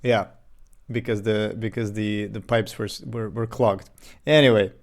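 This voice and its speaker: A man from Serbia with a Serbian accent, chatting casually on a game development live stream into a desk microphone, halting and full of fillers. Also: on the low side, fairly even intonation. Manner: halting, many fillers and restarts.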